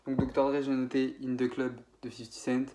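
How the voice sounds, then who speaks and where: A young Frenchman casually ranks his favorite rap producers in a spoken video, rambling in slangy, informal French full of fillers and self-corrections. His mid-range, dark voice is completely flat and moves at a moderate pace.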